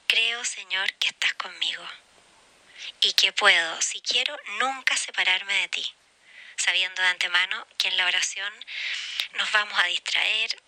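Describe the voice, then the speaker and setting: Bright-voiced woman giving a soft spiritual reflection. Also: medium pitch, no room sound, low-quality recording.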